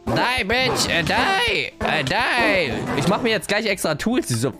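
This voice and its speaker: A young man streaming a game, chatting casually, swearing loudly and mixing in English slang. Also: sits high, very animated, slow pace. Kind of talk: casual gaming commentary. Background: music.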